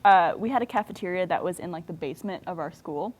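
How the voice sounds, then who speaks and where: A woman's voice: lowish voice, fast talker, slightly rough. A woman telling a casual anecdote in a blunt, profane way.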